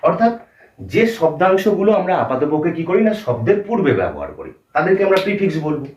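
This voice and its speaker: A man's voice: sits high, very animated, quick pace, a little mellow. A man with a Bengali accent teaching English grammar at a board, explaining step by step with fillers. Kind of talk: whiteboard grammar lesson. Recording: roomy, distant, dull lo-fi sound.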